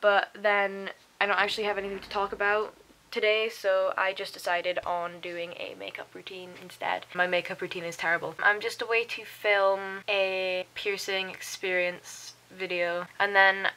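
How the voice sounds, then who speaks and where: A woman's voice: mid-range voice, bright, forceful tone, low-quality recording. A young woman chatting in a rambling, sleepy way, saying "like" a lot, recorded on a webcam in her bedroom at night. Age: young adult. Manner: rambling, chatty, sleepy and self-deprecating, with frequent "like". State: tired, a bit wheezy and coughy. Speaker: vlogger. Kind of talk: casual diary vlog. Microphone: webcam close to the face.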